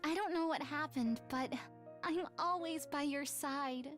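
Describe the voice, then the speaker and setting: A woman's voice: high-pitched, a little slow, a bit bright, faint music behind. A woman playing a devoted, reassuring teenage girl in an anime-style video game. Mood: tender, reassuring. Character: gentle, devoted teenage girl, caring childhood friend.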